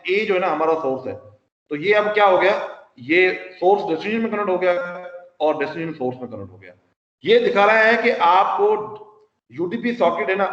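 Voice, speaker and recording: A man delivers a classroom lecture, walking through each step by asking questions and answering them himself. The recording sounds dull and lo-fi, with a long echo from a large hall. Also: high voice. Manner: explains step by step with rhetorical questions; mixes English technical terms into his speech.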